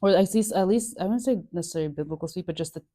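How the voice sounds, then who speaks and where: Chatty woman, mellow and low. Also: racing. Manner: chatty, rambling, laughs often, many fillers. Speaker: host of a Bible study channel. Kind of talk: casual chat.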